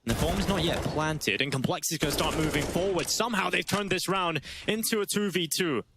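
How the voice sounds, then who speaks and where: A man working as an esports caster, giving live play-by-play match commentary in a dramatic manner that builds into excited calls. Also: fairly high pitch, brisk, noisy background.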